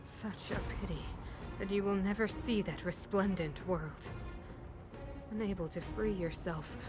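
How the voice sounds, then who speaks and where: Woman voicing an imperious villainess in slow booming monologue. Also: steady tone, natural voice. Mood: cold disappointment. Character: imperious villain mother ruler, cold, grandiose final boss. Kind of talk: scripted video game drama acting. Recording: loud game music underneath. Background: dramatic game music.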